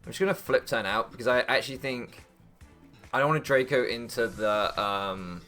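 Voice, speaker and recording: A young male gaming YouTuber gives casual strategy game commentary in a bright, forceful, mid-range voice at normal speed, with faint music behind. He thinks aloud and deliberates as he plays, hesitating along the way.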